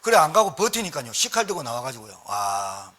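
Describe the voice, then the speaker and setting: A middle-aged male pastor preaching a sermon, telling stories vividly and swinging between loud bursts and hushed lines. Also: medium pitch, a little fast. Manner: animated storytelling, acting out scenes, swings between loud and hushed. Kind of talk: sermon with personal storytelling.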